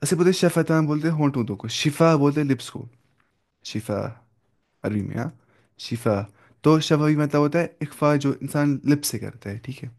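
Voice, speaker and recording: A man teaching the rules of Quran recitation in a conversational lesson. He mixes in English words, often checks that students follow with "okay?", and slows down to demonstrate each recited example. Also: fairly high pitch, a little mellow.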